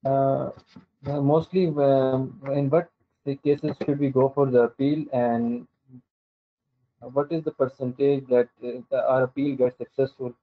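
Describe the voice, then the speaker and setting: A man asks a question in an online session, halting and full of fillers, his microphone distorting and clipping. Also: medium pitch, flat delivery. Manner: hesitant, many fillers and restarts. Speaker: webinar attendee asking a question. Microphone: video call. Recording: dull, distorted online call audio.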